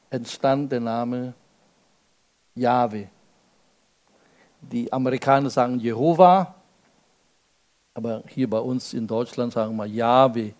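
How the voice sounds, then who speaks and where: Moving through his sermon step by step, a male preacher asks rhetorical questions. His delivery shifts back and forth from loud, emphatic moments to quiet, low asides.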